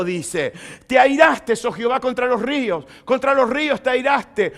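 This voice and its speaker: A man preaching a sermon in a notably high voice. He asks his listeners questions in lively style, then reads scripture out in loud, forceful bursts. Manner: lively preaching, rising to loud proclamation when reading scripture. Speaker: pastor.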